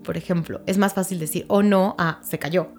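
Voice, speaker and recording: A woman's voice: on the low side, fairly even intonation, a little fast, soft background music. A woman speech therapist, patiently explaining with examples and checking that her listener follows. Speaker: child language therapist. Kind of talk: explanatory interview talk.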